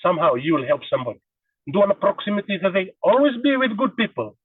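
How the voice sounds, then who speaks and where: A man's voice: sits high, sing-song, fast talker, husky, no echo. Fijian man on a tinny distant line. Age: 30s. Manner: earnest, switching between languages. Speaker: podcast guest. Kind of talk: casual chat.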